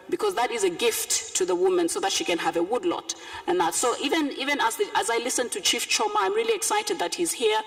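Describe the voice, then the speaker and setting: Animated woman with a gravelly voice. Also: on the low side. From Zambia. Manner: animated, emphatic, challenging. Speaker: closing speaker at a panel. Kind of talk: spontaneous closing remarks. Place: conference room. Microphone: speaking from her seat, away from the podium mic.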